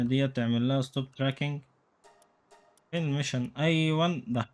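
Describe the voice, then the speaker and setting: A young man with an Egyptian Arabic accent giving joking, excitable commentary while playing a video game. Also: medium pitch. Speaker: gaming YouTuber. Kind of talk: let's play commentary.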